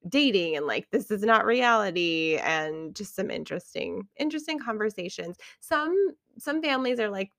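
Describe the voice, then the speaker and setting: Chatty woman with a gravelly edge. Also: medium pitch, expressive, normal speed, hardly any pauses, a bit bright, no room sound, studio quality. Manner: chatty, many fillers and restarts. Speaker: podcast host. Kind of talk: casual podcast recommendations.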